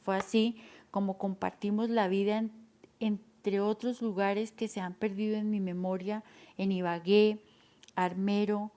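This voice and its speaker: Female audiobook reader for a literary memoir, soft dark tone, mid-range pitch. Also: little pitch movement, a little slow. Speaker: audiobook narrator. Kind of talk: read-aloud literary memoir narration.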